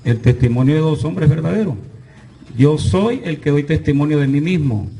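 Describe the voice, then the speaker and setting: A man, a Protestant pastor, reading Bible verses aloud in a plain, measured way. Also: a little high, warm tone, a little hiss or hum.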